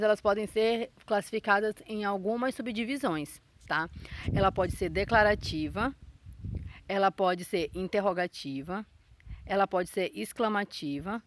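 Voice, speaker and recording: A woman teaching a school grammar lesson in a Brazilian accent, explaining patiently and checking in with the pupils often. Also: mid-range voice. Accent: Brazilian Portuguese. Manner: explanatory, frequent "tá?" check-ins.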